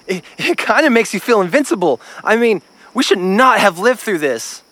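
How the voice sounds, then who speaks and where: A rattled young man stammers through his words, as a woman narrator lowers her voice to play him. The delivery is shaky and lively in pitch. The sound is dry and close. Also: moderate pace, no room sound. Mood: giddy. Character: shaken young man laughing off a crash. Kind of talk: narrated audio drama.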